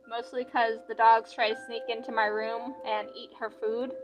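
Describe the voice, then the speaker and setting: A woman's voice: a little high, little pitch movement, moderate pace, music in the background, poor audio. A young woman streaming and reading out live chat in a casual, rambling way, full of "like" fillers.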